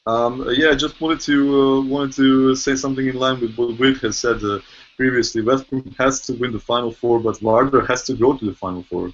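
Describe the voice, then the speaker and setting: A man's voice: mid-range voice, steady tone, moderate pace, slight background noise. A man giving easygoing analysis as a panelist in a casual discussion. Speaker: correspondent panelist. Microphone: video call. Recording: muffled online call audio.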